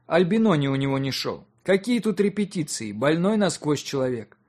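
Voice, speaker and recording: A man's voice: on the high side, lively intonation, normal speed, darkish tone. A man reading a weary middle-aged male village elder who talks in a plain, chatty, complaining way. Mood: grumbling.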